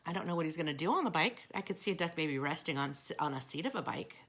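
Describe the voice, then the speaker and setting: Bright, lively woman reading to kids. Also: low voice, fast talker, husky. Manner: gentle, chatty asides to young listeners. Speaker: storytime reader. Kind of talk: reading picture books aloud to children.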